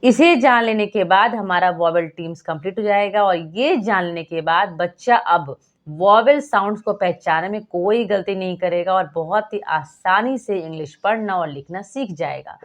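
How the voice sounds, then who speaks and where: Hindi-speaking woman teaching phonics. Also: medium pitch. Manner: patient, asks and answers her own questions; sounds out words slowly, stretching vowels. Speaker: teacher for parents. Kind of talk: phonics lesson.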